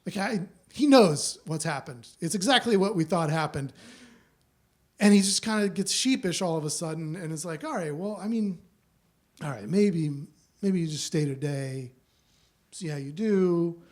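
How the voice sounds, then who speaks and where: A slightly high, somewhat mellow voice belongs to a man hosting a live storytelling event in a small theater. He is animated and moves at a moderate pace, rambling casually and leaning on many fillers.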